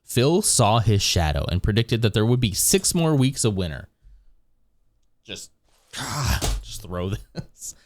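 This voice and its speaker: A man's voice: on the low side, no room sound. A man streaming live, chatting casually and rambling with his viewers, chuckling often as he goes.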